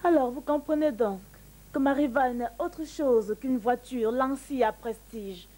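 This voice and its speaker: A woman's voice: high voice, a little slow, warm tone, rough recording. A woman performing a comic monologue to the audience, dramatic and exasperated.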